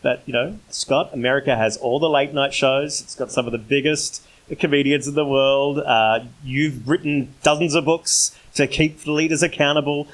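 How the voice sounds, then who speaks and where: A man moderating a panel, briskly prompting guests with questions. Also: medium pitch, fairly even intonation, poor audio. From Australia. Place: conference stage.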